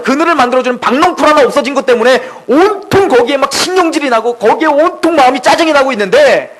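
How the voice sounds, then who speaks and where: A man voicing God, who rebukes a prophet in slow, reasoning words during a sermon retelling. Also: very high-pitched, a bit bright, exaggerated voice, poor audio. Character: God, patient stern father rebuking a prophet.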